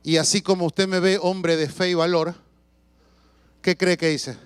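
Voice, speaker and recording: A man preaching a sermon as a pastor, telling stories with shouts and sound effects and asking the congregation questions. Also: high-pitched, fairly even intonation, a little slow, clear, resonant tone, dry recording. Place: church.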